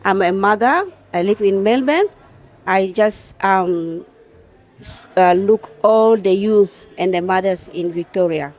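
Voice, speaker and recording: A woman's voice: mid-range voice, slow pace, darkish tone. A woman who is a mother introducing herself hesitantly. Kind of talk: self-introduction.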